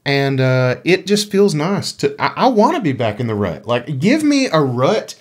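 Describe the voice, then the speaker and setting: Swearing freely, this podcast co-host talks about video games in a casual, enthusiastic and emphatic way. His voice is husky and on the high side, sing-song, at normal speed.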